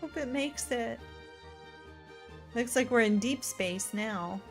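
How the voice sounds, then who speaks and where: A woman streamer giving excitable, gushing let's-play commentary, full of "like" fillers. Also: fairly high pitch, slow, faint music behind. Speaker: gaming streamer.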